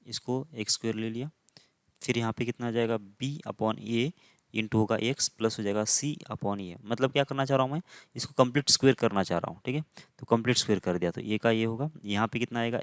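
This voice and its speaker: A man's voice: on the low side, no echo, clean studio sound. A male math teacher giving a conversational whiteboard lecture, often stopping to check that students follow.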